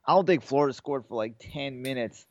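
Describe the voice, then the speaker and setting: This podcast co-host speaks at a medium pitch and a brisk clip, recorded dull with no room sound. Chatting casually about sports betting, he tells rambling stories, swears freely, and acts out the people he quotes.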